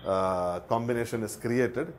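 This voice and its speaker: Measured man explaining a teaching method. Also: mid-range voice, background noise. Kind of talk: explanatory talk.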